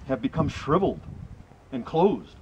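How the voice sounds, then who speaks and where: Standing among trees, a middle-aged presenter recites poetry to a few listeners, his medium-pitched voice swinging widely in pitch. His delivery is earnest, deliberate, and emphatic. A camera mic positioned a few meters off records muffled outdoor audio with faint surrounding noise.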